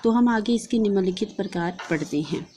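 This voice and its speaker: Woman, Hindi accent, lesson-plan explainer, steady dictating manner, faint background hiss. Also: mid-range voice, a little fast. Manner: steady instructive delivery, reading out and dictating. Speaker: teacher-training vlogger.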